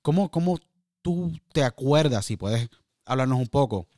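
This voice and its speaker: A man's voice: mid-range voice, animated, normal speed, warm tone, no echo, studio quality. Eager male podcast host. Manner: enthusiastic, long rambling questions with fillers. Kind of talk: interview hosting.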